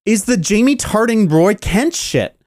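A man co-hosting a casual podcast, complaining in a frustrated rant and swearing freely. His pitch swings widely as he talks, and the recording is dry and close. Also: expressive, measured pace, a little mellow, no room sound. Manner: ranting, swears a lot, frustrated. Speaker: podcast co-host.

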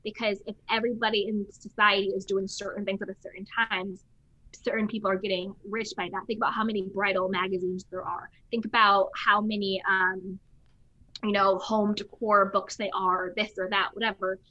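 A woman hosts a podcast in casual conversation, speaking emphatically and acting out the voices of people she quotes. Her medium-pitched voice is brisk, bright and forceful yet flat in delivery. The recording is dry, with a slightly dull lo-fi sound.

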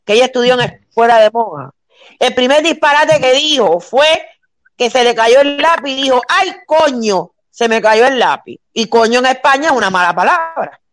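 A woman's voice: sits high, animated, fairly quick, no echo. A middle-aged woman with a Cuban accent, explaining her points in a casual chat and checking that she is understood. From Cuba.

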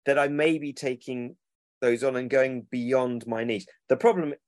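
A man's voice: mid-range voice, a little slow, a little mellow, no room sound. A man, a children's book publisher who rambles and corrects himself in a casual interview over a remote call.

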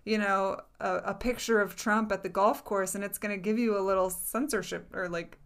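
A woman in casual debate, hedging often, filling with "like," and letting sentences trail off softly. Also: medium pitch, steady tone, moderate pace, smooth.

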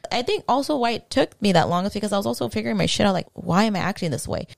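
A woman's voice: medium pitch, lively intonation, rapid-fire, gravelly, no room sound, studio quality. A woman guest on a podcast telling a personal story in a casual, frank way, full of slang and swearing. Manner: slangy and frank, swears freely, fillers like "bro".

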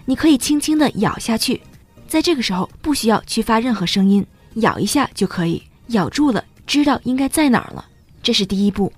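A woman's voice: fairly high pitch, lively intonation, a little fast, slightly rough, soft background music. A woman teaching English pronunciation in a patient, step-by-step scripted narration, switching between two languages.

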